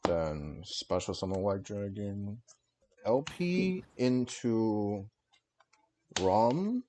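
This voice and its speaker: Lowish man on livestream headset audio. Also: lively intonation, warm tone, slight background noise. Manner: quick, terse card-game calls with many fillers. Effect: livestream headset mic audio. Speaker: streamer and card game player. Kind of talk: casual play-by-play commentary of his own turn.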